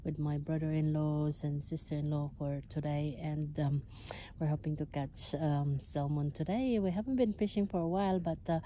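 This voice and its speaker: A woman's voice: deep voice, fairly even intonation, normal speed, few pauses. A woman in her forties making a casual fishing vlog outdoors, talking in a chatty way with many fillers into a phone held at arm's length. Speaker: vlogger. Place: outdoors by a canal. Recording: loud outdoor noise.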